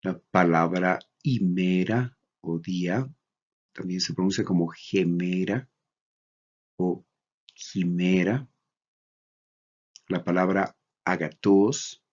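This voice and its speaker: A man from Bolivia giving a recorded lecture, reading out examples slowly and deliberately. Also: deep voice, little pitch movement, slightly rough. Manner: slow, deliberate, reads out examples. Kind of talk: recorded lecture on Greek accents. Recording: dull lo-fi recording.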